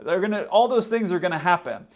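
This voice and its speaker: Guy with a slightly high voice casually explaining stuff, chatty, quotes what people would say. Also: quick pace. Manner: conversational, acts out hypothetical quotes. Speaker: host, pilot commentator.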